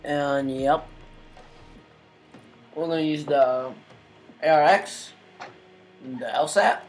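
A man's voice: on the high side, slow pace, faint music behind, poor audio. A young man hosting his gaming channel, giving casual gameplay commentary with joking, muttered asides to himself.

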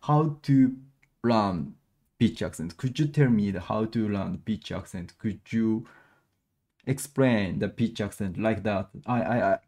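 A young Japanese man with a Japanese accent teaches a live-streamed lesson from a small room at a webcam, speaking halting English full of restarts and slipping into quick Japanese asides. His voice is fairly low-pitched with a darkish tone.

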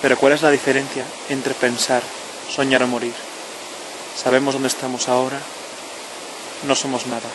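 A medium-pitched voice speaks intimately, as if right in your ear, guiding a relaxation in short measured phrases. The clear noise of rushing water runs behind it. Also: flat delivery. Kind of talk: slow guided relaxation narration, spoken to the listener. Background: running stream, natural outdoor ambience.

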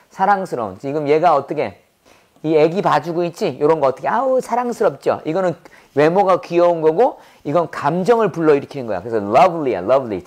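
Lively Korean man teaching English words. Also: fairly high pitch. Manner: animated, drops into silly voices and sound effects to make words memorable. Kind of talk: vocabulary lesson with playful acted examples.

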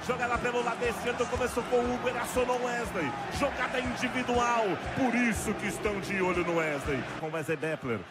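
A Brazilian man shouting explosive football goal commentary as an announcer, stretching words and repeating exclamations into a handheld microphone. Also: very high-pitched, fairly quick, hardly any pauses, heavy background noise. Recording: loud music and crowd behind.

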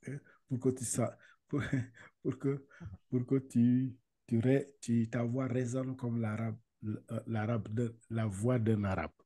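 Chill guy teaching quran reading over video call, mellow voice, laughs a lot, drops some english. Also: medium pitch, takes it slowly. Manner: relaxed, laughs often, repeats syllables, switches into English. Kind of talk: casual online lesson.

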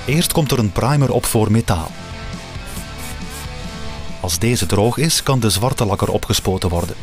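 A man narrating a how-to video in a calm, even, explanatory scripted voice-over. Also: on the low side, a little slow. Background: guitar music.

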